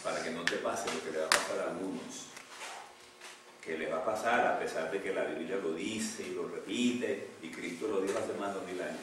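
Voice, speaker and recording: An older male pastor preaches in a lowish voice, swinging from loud outbursts to hushed asides. He is recorded from a distance in a very echoey church, with clear noise in the background. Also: fairly even intonation, moderate pace. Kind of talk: sermon. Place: church sanctuary.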